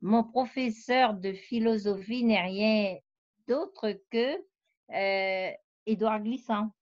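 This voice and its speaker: Slow and medium in pitch, this woman speaks in a dry, dull lo-fi recording. She's a researcher and novelist taking part in a conversational interview, laying out her ideas at length and often hesitating.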